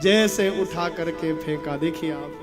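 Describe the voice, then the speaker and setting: Brief: a male preacher telling a sacred story, high and deliberate, backed by instrumental music. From Uttarakhand, India. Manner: dramatic, emotive, rhetorical asides to listeners. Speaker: scripture storyteller. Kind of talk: devotional sermon storytelling.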